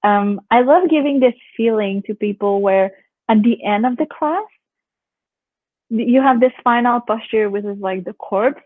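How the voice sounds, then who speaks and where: A young Canadian woman who teaches yoga chats casually as a guest in an interview, her voice a little high, relaxing, and moderately paced. She laughs often and acts out what other people say. The audio sounds like a phone call, with no echo.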